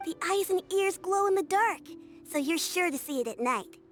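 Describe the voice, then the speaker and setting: A woman voicing a small, excitable fairy companion girl in a video game, with a squeaky childlike voice and exclaiming manner. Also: normal speed, soft background music. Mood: cheerful. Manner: speaks of self in third person, exclaiming.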